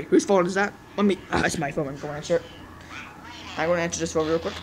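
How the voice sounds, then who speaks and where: A woman performing an improvised toy skit, voicing every character herself and jumping between squeaky high voices and low mutters. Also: noisy background.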